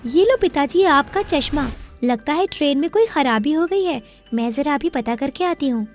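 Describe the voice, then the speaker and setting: A woman's voice: high voice, expressive, moderate pace, faint music behind. A woman voicing a bold, outspoken young woman in a cartoon, talking in a confident, questioning way.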